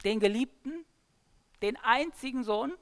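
A woman giving a sermon-style Bible talk, telling the story dramatically and swinging between loud emphasis and hushed lines. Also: on the high side, lively intonation, unhurried. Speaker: preacher.

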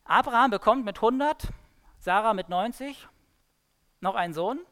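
Lively, dramatic woman preaching. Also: on the high side, normal speed. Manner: dramatic storytelling, swings between loud emphasis and hushed lines. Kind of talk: sermon-style Bible talk.

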